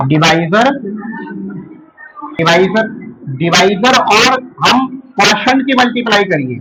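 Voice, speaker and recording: A male school teacher from India explaining division in a lesson, asking questions and answering them himself, and slowly repeating key terms. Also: high-pitched, background noise. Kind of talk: classroom math lesson.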